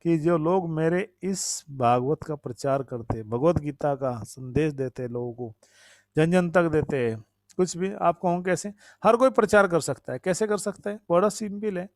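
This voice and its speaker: A man's voice: a little high, measured pace, no room sound, clean studio sound. A man giving a devotional talk, conversational, repeating phrases, asking his listeners questions and thanking them by name. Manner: reads and thanks commenters by name. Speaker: preacher. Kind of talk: devotional discourse.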